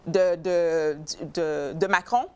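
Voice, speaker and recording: A woman, hosting an opinionated news commentary show, animated and emphatic, often stumbling and repeating words. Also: on the low side, takes it slowly, lo-fi sound, slight background noise. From not from Canada. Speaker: show host.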